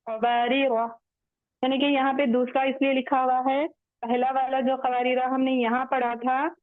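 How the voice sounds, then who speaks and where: A woman teaching Quran recitation in an online class, patiently explaining rules step by step and chanting the verses slowly. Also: high-pitched, no echo. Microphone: online call audio. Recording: tinny phone-like line, dry.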